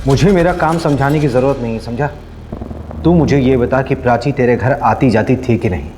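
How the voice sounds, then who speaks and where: A man's voice: mid-range voice, moderate pace, mellow, slight background noise, lightly acted. An actor playing a stern, middle-aged police inspector and father, speaking in a clipped TV crime drama style.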